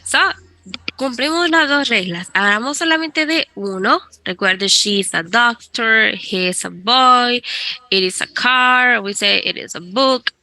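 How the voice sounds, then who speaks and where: A woman's voice: fairly high pitch, takes it slowly, pushed and bright, dry recording. A woman teaching an English class in Spanish, patiently explaining grammar rules step by step and switching between Spanish and English.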